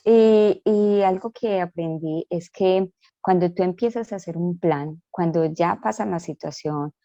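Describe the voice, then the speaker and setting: A woman's voice: on the low side, measured pace, mellow, no room sound, lo-fi sound. A woman sharing earnest personal testimony as a guest, often voicing her own prayers aloud. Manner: earnest, reenacts her prayers in quoted speech.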